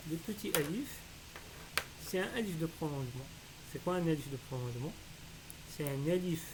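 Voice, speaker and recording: A man teaching a reading lesson step by step. He is patient, sounding out syllables slowly and repeating them. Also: on the high side, noisy background.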